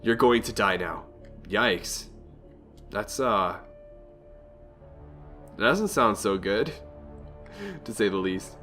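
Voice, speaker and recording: A young let's play host speaks slowly in a lowish, pushed, bright voice, animated yet pausing often, with soft background music. Slightly nasal from a cold, he chats casually, thinks aloud, and reads the in-game text during his commentary.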